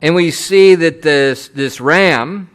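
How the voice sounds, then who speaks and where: An American man preaching a sermon in short, emphatic phrases, pausing for his interpreter. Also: on the high side, smooth. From United States.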